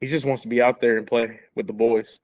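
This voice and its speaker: A man's voice: mid-range voice, steady tone, brisk. A man chats casually about college football as a podcast co-host. He stumbles through restarts and repeated words and often breaks into laughter. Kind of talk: casual sports chat.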